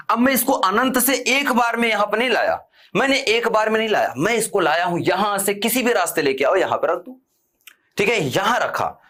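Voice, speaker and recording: A man's voice: sits high, bright, forceful tone. A man teaching a physics class online. He keeps asking his students questions, answers them himself and repeats key terms. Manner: stern when telling students to stop chatting.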